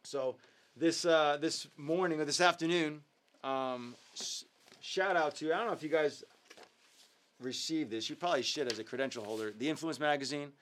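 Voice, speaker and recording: A man's voice: a little high, moderate pace, a bit bright, a little hiss or hum. A man hosting a live youth ministry talk show, speaking casually and earnestly with lots of ums and uhs as he shares updates and a devotional. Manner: filler-heavy, earnest, upbeat. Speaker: youth ministry leader and host.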